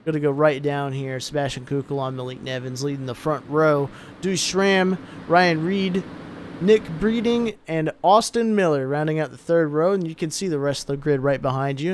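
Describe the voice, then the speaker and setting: A young man calls an online truck race in a relaxed, drowsy way. His voice sits a little high. A faint hum of noise runs under the recording. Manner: laid-back, tired, yawning between calls. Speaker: race commentator. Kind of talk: casual sim-racing commentary.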